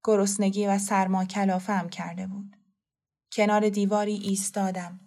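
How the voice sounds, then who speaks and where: A woman narrating a story as an audiobook, calm, measured and soft. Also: mid-range voice.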